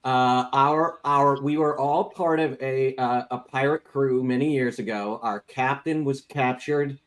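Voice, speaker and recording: A man's voice: mid-range voice, unhurried. A man chatting casually and jokingly as a player in a tabletop game.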